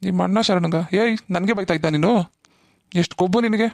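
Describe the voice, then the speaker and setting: Performer doing a playful flirty cartoon guy, middle-pitched, teasing, dry close recording. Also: a little fast, no room sound, lightly acted. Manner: teasing, cajoling. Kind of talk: cartoon voice acting.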